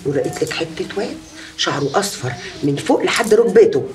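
A woman's voice: on the low side, animated, quick pace, a little mellow, far from the mic, lightly acted. An actress with an Egyptian accent playing a boastful, gossipy mother who tells of her many marriages in a comedy series. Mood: gossiping. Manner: chatty, gossiping, dramatic exclamations. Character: boastful middle-aged mother, gossipy much-married storyteller.

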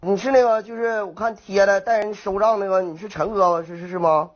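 A man's voice: high-pitched, steady tone, brisk. A young man with a Northeastern Mandarin accent rambling through a prank phone call with feigned innocence. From Northeast China. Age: young adult. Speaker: prank caller.

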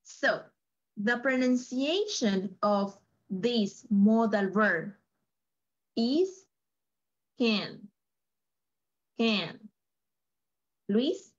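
A woman teaching an English class over a video call, switching between Spanish and English and repeating words slowly for her student. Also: fairly high pitch, animated, lo-fi sound. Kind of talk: online English lesson.

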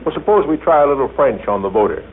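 A man's voice: a little high, animated, fast, breathy edge. A man asking questions in a formal, scripted 1930s radio interview. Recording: tinny, band-limited 1930s radio recording.

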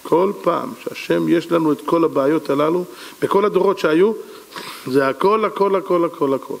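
Animated rabbi telling a parable. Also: male voice, a little high, vocal fry, long reverb tail. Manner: animated storytelling with rhetorical questions. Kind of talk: sermon with storytelling.

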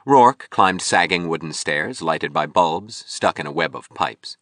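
Deep, expressive male audiobook narrator. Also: no room sound, clean studio sound. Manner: expressive, measured storytelling.

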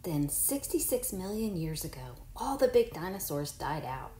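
Very animated, with a fairly low, dark voice at a moderate pace, a woman in her forties reads a picture book to young children as their teacher. She encourages them, chats between pages and quizzes the unseen kids. Expect roomy echo and faint background noise.

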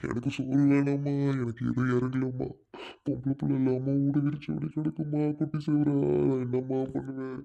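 A man plays a grieving old widower. His voice stays flat and dark. He laments without hope. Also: mid-range voice, normal speed, gravelly, highs cut off, close to an everyday voice. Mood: mournful. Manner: lamenting, mournful complaint. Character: grieving widowed old father, lost and hopeless. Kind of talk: amateur Tamil family drama acting.

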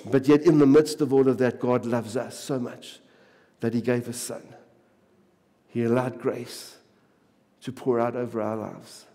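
Mellow-voiced male pastor from South Africa, emphatic and repetitive, sermon in a reverberant church. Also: medium pitch, fairly even intonation, unhurried. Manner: repetitive, emphatic, drops to a hush on key phrases. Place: church sanctuary.

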